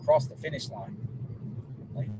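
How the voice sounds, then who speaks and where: Guy livestreaming in a car, dashcam audio, loud road noise, rambles and repeats stuff. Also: moderate pace. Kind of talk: casual livestream chat from a car. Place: inside a moving car.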